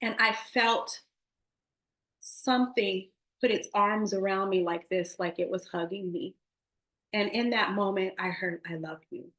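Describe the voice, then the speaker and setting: A woman's voice: medium pitch, fairly even intonation, unhurried, fairly bright tone. A woman in her thirties giving an earnest, emotional personal faith testimony, speaking directly to her viewers. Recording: echoey room.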